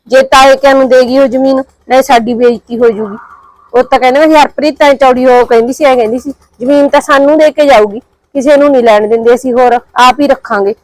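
A woman's voice: high-pitched, fairly even intonation, fast, dry recording, natural voice, low-quality recording. A woman playing an anxious young housewife with a Punjabi accent, muttering her worries to herself. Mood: worried. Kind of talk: drama monologue.

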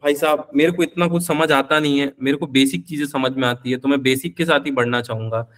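A man's voice: mid-range voice, steady tone, fast talker. A young man teaching a physics class live online, chatty, calling his students beta and answering their questions.

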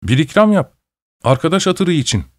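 Man playing a timid young worker in a storybook, high pleading voice, dry sound. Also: sing-song, moderate pace, no room sound. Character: timid excitable young male laborer.

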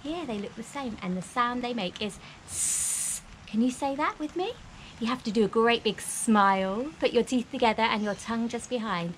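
A woman's voice: fairly high pitch, normal speed. A woman in her thirties presenting a children's lesson outdoors in a broad, singsong kids' presenter manner. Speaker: children's phonics teacher and presenter. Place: outdoors in a home backyard. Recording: faint outdoor background noise.

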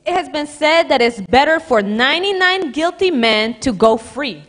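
A young woman from Honduras, preaching in a church hall and pausing after each phrase for an interpreter, speaking into a handheld microphone. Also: high-pitched, animated, fairly bright tone. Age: young adult. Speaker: guest preacher. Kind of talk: sermon with live interpretation.

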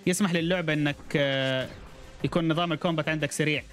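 A man's voice: a little high, steady tone, rapid-fire, faint music behind. A man streaming a game, chatting and reacting aloud and greeting viewers by name. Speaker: gaming streamer. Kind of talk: casual gameplay commentary.

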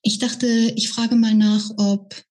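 A woman's voice: mid-range voice, little pitch movement, slow, a little mellow, pitched above the performer's own voice, lightly acted. A woman reading a novel aloud and voicing a brash, cheeky young woman who talks bluntly. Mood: frank.

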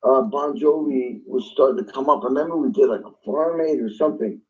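A man's voice: mid-range voice, a little fast, highs cut off. A man, a guest drummer, telling a story in an interview and acting out phone calls in different voices.

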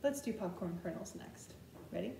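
This middle-aged woman has a lowish, creaky, mellow voice and speaks expressively at a moderate pace while hosting a preschool storytime. She gives small children simple step-by-step prompts with rhymes and counting, in an echoey open living room and kitchen at home, caught by a camera mic a few feet away over faint background noise.

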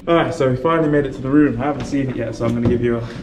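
A man's voice: mid-range voice, racing, soft background music. Chatty young Englishman vlogging on the go. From England. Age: 20s. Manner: chatty, upbeat, laughs often. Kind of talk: casual travel vlog. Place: on the move through airports, planes and trains. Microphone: action camera held at arm's length. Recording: echoey spaces with loud background noise.

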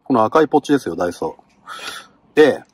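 Excitable male vlogger, husky, lively pitch, talking from a parked car. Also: brisk, dry recording. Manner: excitable, talks to camera while eating. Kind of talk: casual car-camping vlog.

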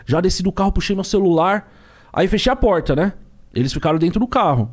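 A man's voice: sits high, animated, quick pace. A young man, a ride-share driver telling a story as a podcast guest, full of slang and acted-out dialogue. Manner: slangy and street-talking, acts out dialogue.

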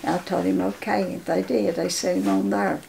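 Very creaky woman in her nineties, Appalachian accent. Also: medium pitch, fairly even intonation, mellow. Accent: Southern Appalachian. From Appalachia, southern United States. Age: 90s. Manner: halting, folksy storytelling with repeated words. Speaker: interviewee telling life story. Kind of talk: casual reminiscing. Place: home living room, indoors. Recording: faint background room noise.

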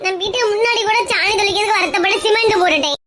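A woman's voice: very high-pitched, racing, pushed and bright. A woman voicing a whining, complaining elder sister with a Kanyakumari accent, in a noisy recording. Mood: cheeky. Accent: Kanyakumari Tamil. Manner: whiny, complaining.

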